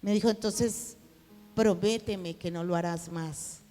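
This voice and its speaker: A woman preaching, telling a personal testimony and acting out the dialogue in it, at times rising to a shout. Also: lowish voice, steady tone, unhurried, long reverb tail, faint music behind. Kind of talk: sermon testimony.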